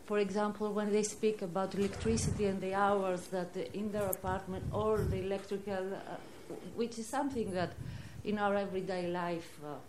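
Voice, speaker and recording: Woman in the audience, halting spontaneous comment, faint background noise. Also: medium pitch, steady tone. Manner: hesitant, searching for words. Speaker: audience member.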